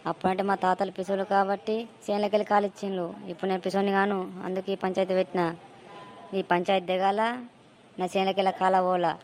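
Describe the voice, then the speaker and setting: Flat, fast woman, quarrelsome villager. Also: medium pitch. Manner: quarrelsome, rustic. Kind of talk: cartoon voice acting, several village figures.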